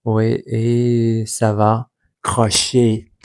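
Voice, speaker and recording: A young man with a Russian accent, talking casually to his vlog in halting non-native French, searching for words and correcting himself. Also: lowish voice, monotone, a little mellow, smooth. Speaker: vlogger and language learner. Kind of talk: casual unscripted vlog talk.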